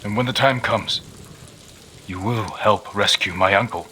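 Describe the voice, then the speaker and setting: A man's voice: on the low side, unhurried, bright, forceful tone. An actor playing a determined young male samurai in a video game, speaking steadily and earnestly and pressing for answers. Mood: resolved. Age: young adult. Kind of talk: video game cutscene acting.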